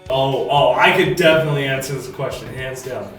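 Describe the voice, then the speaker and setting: A man's voice: mid-range voice, fairly quick, a bit bright. A twenty-year-old man, a band's guitarist, telling stories loosely in a casual documentary interview, full of "like". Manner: loose storyteller, heavy use of "like". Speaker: guitarist in a band. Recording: echoey room, distant mic, music underneath.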